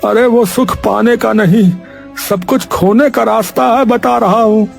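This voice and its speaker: A man's voice: high voice, fairly even intonation, unhurried, creaky, faint music behind, heavily acted. An actor playing a poor, cautious village blacksmith who pleads with his wife and often says "arre". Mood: pleading. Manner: pleading, uses "arre" filler.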